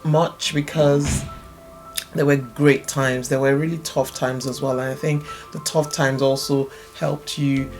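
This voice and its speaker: A woman's voice: very deep voice, level tone, measured pace, darkish tone, faint music behind. A woman who grew up in Nigeria, talking casually as an interview guest about her businesses and background, with many fillers. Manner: thoughtful, explains at length with many fillers.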